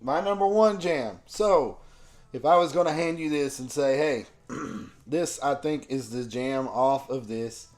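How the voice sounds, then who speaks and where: A man with a sore, rough throat giving a casual album review, slow and loose with lots of ums. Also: medium pitch, a little mellow. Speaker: music reviewer.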